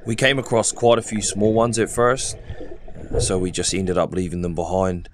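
A man's voice: deep voice, flat delivery, moderate pace, background noise. A man in his thirties from southern New Zealand with a broad Kiwi accent, telling his adventure vlog in a casual, laid-back, slangy way. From Bluff, southern New Zealand. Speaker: vlog host and diver. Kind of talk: casual adventure vlog, part to camera, part voice-over. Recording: music behind the voice. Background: music.

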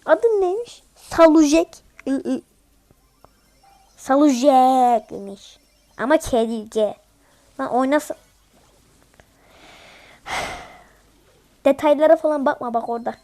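A woman giving excitable live gameplay commentary. She pleads and shouts at the game in repeated bursts and chats to viewers in between. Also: high-pitched, slow, pauses often. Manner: chatty asides to viewers. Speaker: mobile game streamer.

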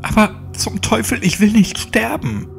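Horror audiobook: a man playing a panicked bound young man, high and strained, gravelly, soft music behind. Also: measured pace, exaggerated voice. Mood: desperate. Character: frightened young man Mike, desperate, pleading.

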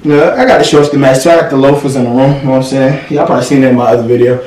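A young vlogger hosts a laid-back, slangy haul video from his room, constantly asking if you feel him. He sounds out of breath and speaks very fast in a medium-pitched, darkish voice. He is recorded off-mic from a distance in an echoey room with faint hiss.

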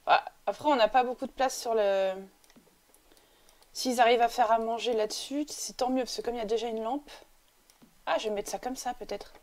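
This let's-play commentator talks briskly in a fairly high, slightly mellow voice, chatting away and coaxing the characters as she plays. Every so often she sniffles.

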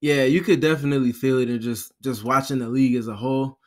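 A man guesting on a sports podcast, speaking in a measured, wordy, somewhat formal way. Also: medium pitch, fairly even intonation, a little mellow. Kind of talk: casual sports podcast chat.

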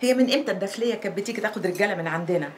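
A woman playing a fast gossipy Egyptian neighbor. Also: mid-range voice, slight background noise, close to an everyday voice. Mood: teasing. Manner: teasing, loud laughing exclamations. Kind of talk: TV drama acting.

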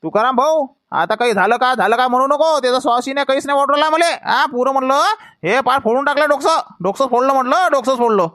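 A man's voice: very high voice, quick pace, bright, forceful tone, no room sound, clean studio sound. A man acting as a scolding village neighbor in a comedy skit, with a rustic Varhadi Marathi accent.

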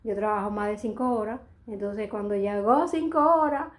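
In a medium-pitched voice at normal speed, a middle-aged woman with a Dominican accent talks casually to her vlog viewers on camera. Her delivery rambles, with sentences often begun again.

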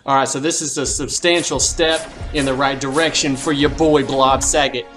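A man's voice: medium pitch, fairly even intonation, normal speed, over music. A man hosting a comedic let's play, boasting and trash-talking the creatures he fights, with a profane, playful manner. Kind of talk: comedic gameplay commentary.

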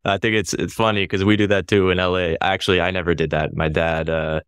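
A man's voice: sits low, fairly quick, clear, resonant tone, dry recording. A man, hosting a podcast interview in a casual, chatty way from a small home studio. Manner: relaxed, chatty, laughs often. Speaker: podcast host. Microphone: studio mic on boom arm, headphones.

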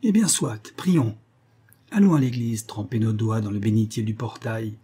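A man voicing a bitter young man who bursts out loudly in scorn and anger. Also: mid-range voice, fairly even intonation, moderate pace, natural voice. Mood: scornful. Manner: loud, scornful outbursts.

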